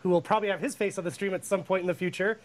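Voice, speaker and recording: A man's voice: sits high, fairly even intonation, rapid-fire. A man co-hosting a livestream, chatting casually with an upbeat, breezy delivery. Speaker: livestream co-host.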